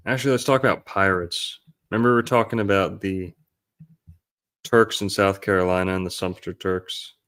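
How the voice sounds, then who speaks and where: A man's voice: low voice, steady tone, moderate pace, pauses often, a bit bright. A man hosting casual commentary, sometimes reading aloud from text. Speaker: livestream host.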